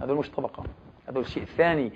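A man giving a lecture on religious history, who keeps posing quick rhetorical questions and answering them himself. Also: mid-range voice, muffled recording, a little hiss or hum.

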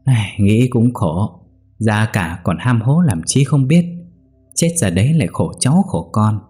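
A man voicing a crafty young daughter-in-law who needles her mother-in-law in a sly, brisk voice. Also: lowish voice, animated, darkish tone, faint music behind, lightly acted. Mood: sly needling.

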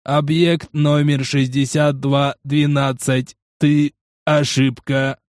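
A man voicing a badly damaged cyborg that mutters glitching, halting error messages in a slow, mechanical way. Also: mid-range voice, flat delivery, a little mellow, dry recording, studio quality, natural voice. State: glitching, broken machine speech. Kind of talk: audiobook narration.

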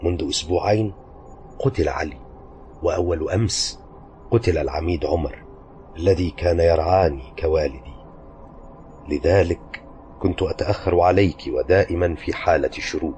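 A man voicing a withdrawn, grieving young man who speaks low, hushed and weary. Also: moderate pace, long pauses, slight background noise, lightly acted. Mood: subdued.

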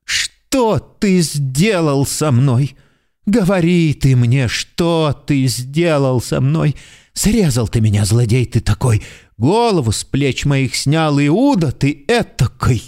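Anxious clerk, radio drama, male actor; wildly swinging intonation, pleading turning to shouted insults. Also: fairly high pitch, animated, slow. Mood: furious. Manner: agitated, pleading, bursts into shouting abuse. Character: nervous, excitable middle-aged male clerk.

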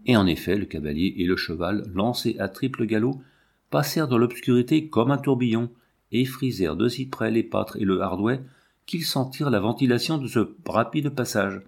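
Low-voiced male audiobook narrator. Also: moderate pace, creaky, darkish tone.

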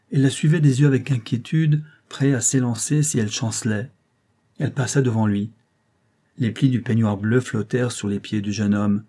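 Husky, low-voiced male audiobook reader. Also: dark tone. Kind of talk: reading a novel aloud.

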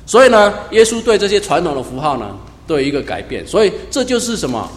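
A man preaching a sermon as pastor, swinging between loud emphatic lines and quiet low asides. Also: big pitch swings, fast, in a large hall.

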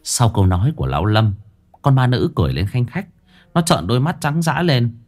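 A man narrating a horror story in a lively, dramatic reading style. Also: mid-range voice, a little fast, soft background music.

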